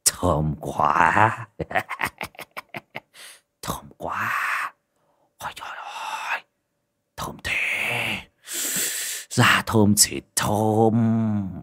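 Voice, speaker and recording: A man's voice: very slow, pauses often, bright, forceful tone, breathy edge, heavily acted. A man doing a leering old sorcerer. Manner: low gloating murmur with chuckles and whispers. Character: lecherous old male sorcerer, greedy and leering.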